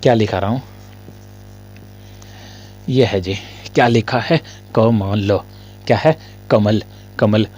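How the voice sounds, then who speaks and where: A male Hindi grammar teacher in a casual lesson. He asks his students questions, answers them himself, and often coughs and clears his throat. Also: fairly low pitch, takes it slowly, pauses often, darkish tone.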